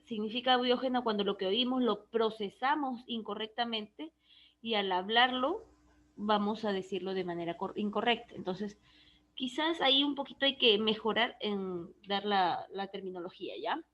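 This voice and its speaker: A woman's voice: mid-range voice, normal speed, a bit bright, highs cut off. A woman teaching a speech therapy class, explaining terms and checking that students follow. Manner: explanatory, checks understanding with frequent "¿ya?". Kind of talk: online class lecture.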